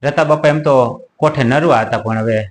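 A man's voice: mid-range voice, normal speed. A man telling a rustic village comedy story, chatty and laughing often. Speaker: comic storyteller.

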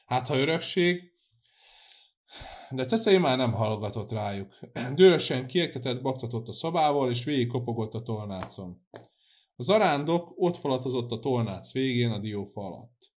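A man's voice: mid-range voice, lively intonation, darkish tone. Man reading an audiobook. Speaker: audiobook narrator. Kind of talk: scripted narration.

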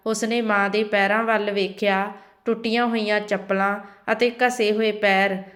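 A woman storyteller reads a scripted family tale in a measured way. Her pitch sits in the middle and barely moves, giving a level, even delivery. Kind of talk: scripted narration.

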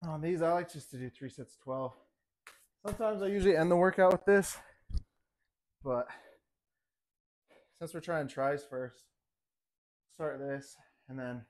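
A young fitness vlogger rambles casually between sets in his home gym, winded from lifting, as a camera across the room records him. His medium-pitched voice is a little mellow, and he speaks unhurriedly with frequent pauses.

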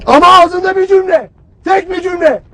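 An actor playing a stern, harsh army commander who berates his soldiers in a cold, clipped, shouted delivery. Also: extremely high pitch, normal speed, exaggerated voice. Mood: lecturing. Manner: cold, relentless, clipped questioning. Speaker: military commander. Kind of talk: film drama acting.

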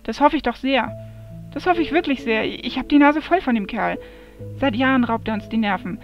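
A woman's voice: fairly high pitch, a little fast, lightly acted. A woman reading the part of a grumpy, loyal male raven in human form, muttering and grumbling in a fantasy audiobook. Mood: agitated. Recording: dull lo-fi recording, soft music behind.

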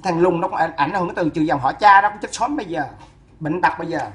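A woman's voice: lowish voice, fast, a bit bright. A woman scolding someone in a fierce, insulting, sing-song rant. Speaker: woman ranting at a neighbor. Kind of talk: ranting scolding monologue.

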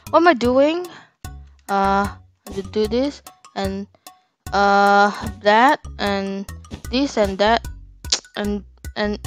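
A woman commentating her own game play, flustered and repeating herself as she panics. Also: mid-range voice. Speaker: gaming YouTuber. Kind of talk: panicked live gameplay commentary. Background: game music.

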